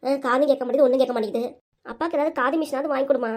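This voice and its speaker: A woman voicing a nagging, sharp-tongued elderly grandmother in a cartoon comedy, with a southern Tamil Nadu accent, scolding and exasperated. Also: sits high, steady tone, racing, lightly acted. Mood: complaining.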